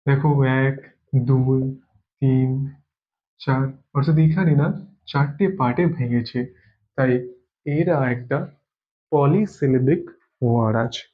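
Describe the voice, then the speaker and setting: A man from Bengal gives a classroom grammar lesson at a middle pitch, working through each point slowly and repeating key words to drive them home. The sound is slightly dull and lo-fi. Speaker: English teacher.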